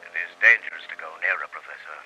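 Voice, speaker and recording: Captain Nemo, a man as a deep, commanding submariner. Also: lightly acted, poor audio. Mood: grave, composed. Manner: measured, grandly formal, theatrical. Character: commanding, worldly-wise, courtly male submarine captain. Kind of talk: old-time radio drama acting. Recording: hissy old radio recording.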